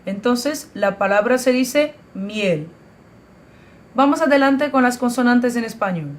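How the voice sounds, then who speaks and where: A woman's voice: on the high side, normal speed. A woman from Brazil teaching a video lesson, spelling out letters and example words one at a time. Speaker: language teacher. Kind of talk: slow, careful video lesson.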